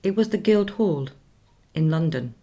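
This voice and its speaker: An actress playing a dignified nineteenth-century Swedish opera singer in a radio play, speaking in a measured, formal, reflective way. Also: female voice, low voice, expressive, warm tone, exaggerated voice. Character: [name], composed, dignified Swedish opera singer of the 1840s.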